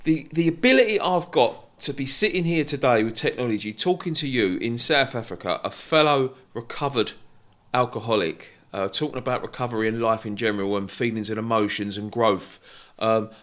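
A man's voice: medium pitch, brisk, fairly bright tone. A man, hosting a podcast in a casual, informal conversational style and often repeating his phrases. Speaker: podcast host.

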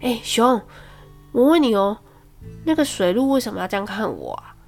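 A woman's voice: fairly high pitch, big pitch swings, normal speed, soft background music. A woman voicing a curious, puzzled little rabbit in a storybook tale, asking eager questions.

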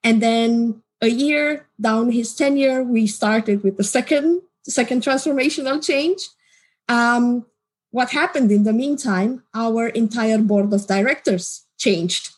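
A woman, a guest in an interview, explaining her work in a measured way. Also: fairly high pitch, slightly rough. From Romania. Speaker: guest, customer support team manager. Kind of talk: interview answers.

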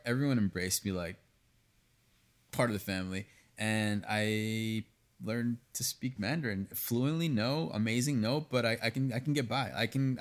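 A man, a pastry chef, talking candidly in a casual podcast conversation, animated, cursing freely and often restarting his sentences. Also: fairly low pitch. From United States, raised partly in Venezuela.

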